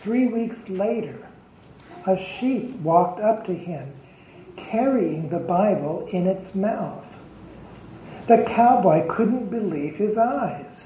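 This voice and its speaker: A man's voice: high-pitched, lively intonation, a little hiss or hum. A man delivering a devotional sermon, stressing his words and stacking up lists of phrases with emphasis. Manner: emphatic, deliberate listing of phrases. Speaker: preacher. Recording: echoey, dull lo-fi recording.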